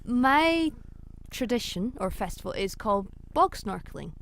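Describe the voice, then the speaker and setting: A woman's voice: on the high side, expressive, unhurried, vocal fry, a little hiss or hum. A woman co-hosting a casual chat, explaining things patiently and step by step. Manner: explanatory, patient, light laughs. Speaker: podcast co-host.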